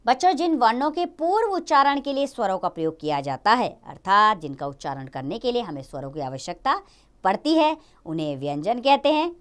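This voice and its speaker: A woman teaching a grammar lesson to children, drawing out each letter and example word slowly. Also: on the high side, very animated, a bit bright, clear, resonant tone. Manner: slow, drawn-out teaching of each letter and sound.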